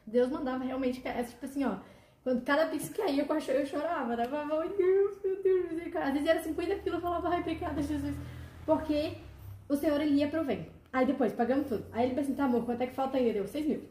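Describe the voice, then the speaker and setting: A high-pitched woman talks quickly and eagerly. She acts out every line of dialogue with feeling. Her voice is mellow in tone and sits in an echoey room with a little background hiss. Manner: animated, emotional retelling with quoted dialogue. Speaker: guest telling her testimony. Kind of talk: casual storytelling.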